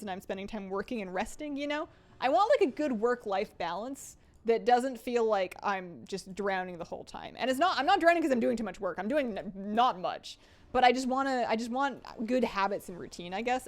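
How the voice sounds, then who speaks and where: A woman in her late twenties talks through her live game stream in a loose, self-deprecating way, reading out chat messages as they arrive. Her voice sits a little high and swoops up and down a lot as she rambles. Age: 20s. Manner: chatty, self-deprecating, reads chat aloud.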